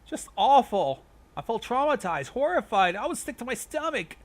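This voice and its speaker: A timid young mare, shaky and overwrought, in a high, strained voice, as a man puts her on. Her delivery is loud and dramatic. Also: sing-song, moderate pace. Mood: distraught.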